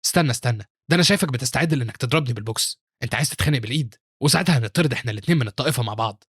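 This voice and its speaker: A man voicing a scheming, defiant young male disciple who talks in a sharp, mocking way. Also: medium pitch, lively intonation, racing, breathy edge, no echo, clean studio sound.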